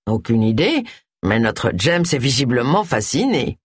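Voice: medium pitch, sing-song, a little slow, slightly rough, no room sound, pitched below the performer's own voice. A reader voicing a wry, dry-humored middle-aged man, offhand in manner. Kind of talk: audiobook character voice.

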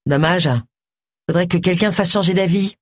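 A man's voice: high-pitched, fairly even intonation, moderate pace, no room sound, clean studio sound. A reader voicing a tipsy young man at a bar who blurts out gossip.

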